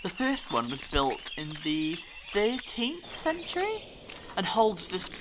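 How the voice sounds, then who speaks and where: A man acting an eccentric, curious time-travelling alien adventurer in a fan audio drama, telling things theatrically with dramatic pauses. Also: sits high, huge pitch swings, noisy background, full character voice. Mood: playful, intrigued.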